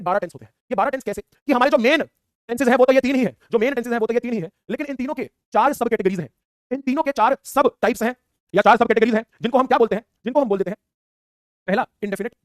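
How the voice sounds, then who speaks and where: A high-voiced man rattling through a class at top speed, teasing students with "है ना" after almost every line. He sounds like a teacher talking close to the mic in a dry room with no echo. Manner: teasing, playful, repetitive tag questions. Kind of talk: fast online class lecture.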